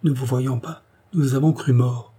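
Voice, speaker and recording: A man's voice: medium pitch, fairly even intonation, a little slow, warm tone, breathy edge. A man voicing an anxious, tender queen who speaks in a pleading, reproachful way.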